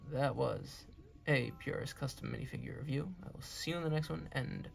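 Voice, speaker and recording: Faint music plays behind a man with a creaky, medium-pitched voice who talks briskly. He's a toy reviewer and channel host giving a casual, earnest, enthusiastic hobby review, repeating himself, his speech colored by recovery from wisdom tooth removal.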